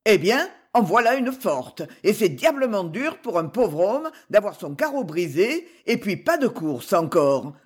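A woman's voice: medium pitch, very animated, measured pace, hardly any pauses, a little mellow, slightly rough. A woman reading a novel aloud, voicing an aggrieved male cab driver who talks bluntly and complains. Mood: grumbling. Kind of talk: audiobook character reading.

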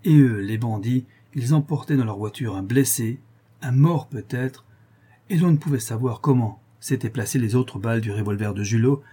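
A male narrator with a husky, slightly breathy voice reads an adventure novel aloud. His tone is dark and mellow, kept steady through long sentences, and it rises a little at the tense moments. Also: medium pitch, normal speed. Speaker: audiobook narrator. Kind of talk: scripted narration.

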